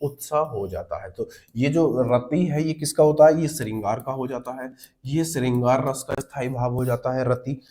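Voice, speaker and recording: A man's voice: medium pitch, moderate pace, warm tone. A man teaching an exam-prep lesson, explaining step by step and answering his own questions, often calling the listeners brother.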